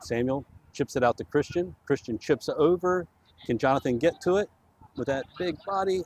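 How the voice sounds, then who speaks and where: A man's voice: a little high, moderate pace, a little mellow. A man giving casual, chatty live commentary on a soccer match for the home club. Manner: chatty, easygoing, laughs easily.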